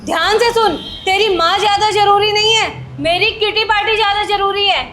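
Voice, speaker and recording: A woman's voice: very high-pitched, normal speed, background noise. A woman playing a rich wife who scolds a guard and later apologises, in a short melodrama. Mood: scornful. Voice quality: sharp and scolding, then soft and ashamed. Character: arrogant rich wife who turns remorseful. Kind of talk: amateur short-film acting.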